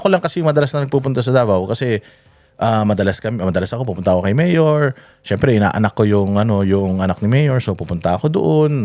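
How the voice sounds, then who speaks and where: A man with a Filipino accent telling stories in a casual vlog, animated and full of fillers and restarts. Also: medium pitch, no echo. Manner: animated, many fillers and self-corrections. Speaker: vlogger. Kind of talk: casual storytelling.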